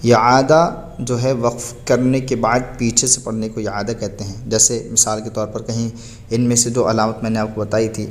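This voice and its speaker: Patient male teacher spelling slowly. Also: lowish voice. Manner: spells words out slowly, letter by letter; patient, explanatory, asks and answers his own questions. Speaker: Quran reading teacher. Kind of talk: recorded lesson.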